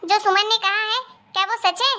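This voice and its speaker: Woman doing a high-voiced, loving mother-in-law. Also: fairly even intonation, normal speed, bright, forceful tone. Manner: reassuring, lecturing. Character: warm-hearted mother-in-law, firm but loving.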